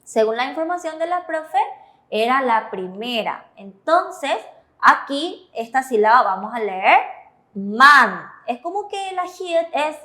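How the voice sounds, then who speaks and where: A woman teaching Korean syllables, explaining slowly and checking understanding as she goes. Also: high voice, very animated, a bit bright. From Paraguay. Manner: slow, careful, checks understanding with "¿verdad?". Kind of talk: classroom explanation.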